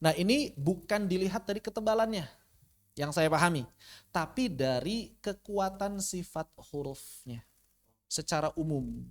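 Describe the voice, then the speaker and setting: A Quran recitation teacher giving an online tajwid lesson, asking rhetorical questions, answering them, and slowly sounding out Arabic letters as examples. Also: medium pitch, animated. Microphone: online class recording.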